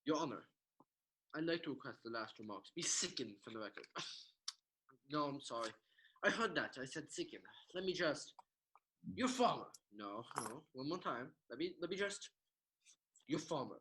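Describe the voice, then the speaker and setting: Man as a flustered young actor, tongue-tied, bright voice, video call. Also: fairly high pitch, moderate pace, pauses often, slight background noise. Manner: stumbling, exasperated, lively delivery. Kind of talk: online amateur comedy sketch.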